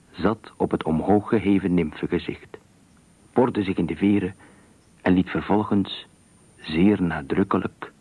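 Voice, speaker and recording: Husky low-voiced man narrating a story. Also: a little mellow, no room sound. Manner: measured, deliberate storytelling. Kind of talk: scripted narration of a radio story.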